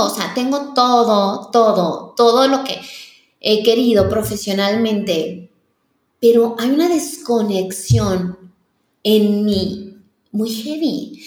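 A woman in her thirties, a wedding planner, candidly telling a personal story as an interview guest, earnest and confiding, often restarting her sentences. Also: mid-range voice. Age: 30s. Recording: roomy echo.

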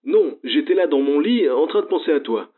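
A man's voice: a little high, sing-song, moderate pace, creaky, voice pushed up, exaggerated voice. A man voicing a worried older woman friend speaking over a phone filter, hesitant and fretful. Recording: tinny phone line.

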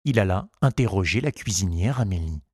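A man reading a children's storybook aloud in a measured, unhurried way. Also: sits low, expressive, slightly rough, no echo, clean studio sound. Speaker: narrator.

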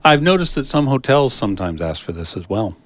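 A man's voice: fairly low pitch, very animated, brisk, fairly bright tone, dry recording. A man who is a regular guest on a radio tech show, chatting casually with wry jokes. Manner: wry, joking.

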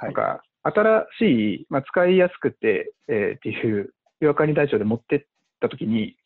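Male investor guest, animated, husky, tinny phone-like sound. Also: medium pitch, normal speed. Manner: animated, many fillers, acts out quotes. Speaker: venture investor. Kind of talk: casual podcast conversation.

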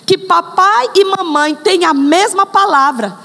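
A woman's voice: extremely high pitch, unhurried, gravelly, bright, forceful tone, long reverb tail. A woman preaching a sermon, speaking straight to the congregation and acting out examples. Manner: addresses the congregation directly, acts out examples.

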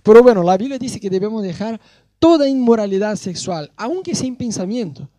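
A male preacher giving a sermon, an animated storyteller who jokes about his own youth. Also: high voice, a little fast, no room sound. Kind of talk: sermon with personal anecdotes.

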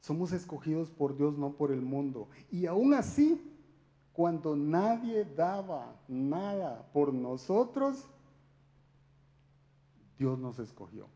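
A man's voice: on the high side, sing-song, slow, mellow. A man giving a conversational sermon talk, speaking directly to his listeners with frequent rhetorical questions. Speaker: church speaker.

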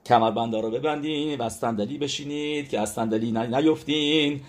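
Emphatic man teaching a religious lesson. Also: mid-range voice. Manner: emphatic, repeats key words, checks in with listeners. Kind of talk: religious lesson on letter numerology.

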